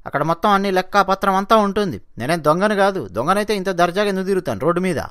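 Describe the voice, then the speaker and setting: A man's voice: high-pitched, expressive, racing, a bit bright, clean tone. A man doing a cocky, defiant gambler. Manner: bold, retorting, defensive.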